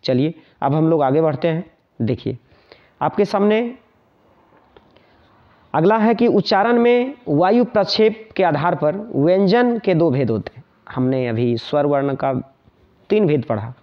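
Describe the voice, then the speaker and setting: A man's voice: a little high, lively intonation, a little slow, long pauses. Man teaching a lesson, lo-fi sound. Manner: repeats points, checks in often with tag questions. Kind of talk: grammar lesson explaining to students. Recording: dull lo-fi sound.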